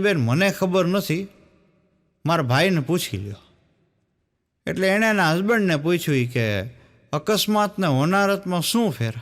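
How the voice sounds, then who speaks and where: A man's voice: high voice, a bit bright. A male stand-up comedian, telling jokes as stories and acting out the dialogue. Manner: storytelling, acts out the dialogue in his jokes. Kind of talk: Gujarati folk joke telling.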